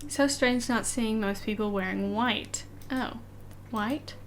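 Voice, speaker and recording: Higher-voiced woman with a slight lisp. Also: slow, slight background noise. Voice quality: slight lisp from wearing dental aligners. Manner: casual, rambling, reading game text aloud between remarks. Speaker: game streamer. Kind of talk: casual chat while playing a video game. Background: game music.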